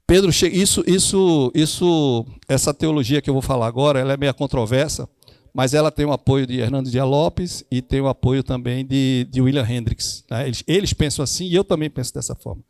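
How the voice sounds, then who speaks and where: Gravelly Northeastern Brazilian man teaching. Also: medium pitch, brisk, a little mellow, no echo. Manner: preachy, acts out dialogue. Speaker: discipleship teacher. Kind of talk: church class teaching.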